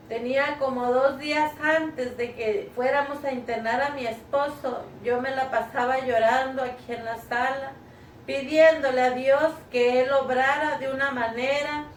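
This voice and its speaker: A middle-aged woman tells her church a personal testimony in an earnest, tearful manner, calling her listeners brothers and sisters. Her voice sits high and she speaks slowly. She was recorded from a distance at home, so the sound is roomy and carries a faint background noise. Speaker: church member giving testimony. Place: living room at home.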